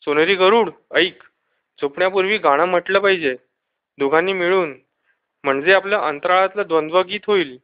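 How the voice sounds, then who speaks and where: A man narrating a children's storybook, switching into lively quick voices for the characters. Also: high voice. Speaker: audiobook reader. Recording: dull lo-fi recording.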